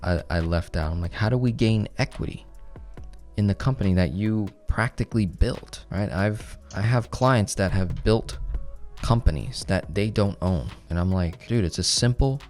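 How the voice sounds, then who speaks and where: A man's voice: lowish voice, moderate pace, darkish tone, faint music behind. A young man teaching a live online finance class, talking with energy and often asking rhetorical questions. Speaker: finance coach.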